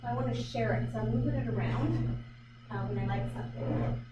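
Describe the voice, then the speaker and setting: A woman artist from Vancouver Island, Canada, gives a live painting demonstration in an art gallery, her voice fairly high and brisk. She thinks aloud in a chatty, hesitant way full of fillers. The recording is echoey and distant, with loud background noise.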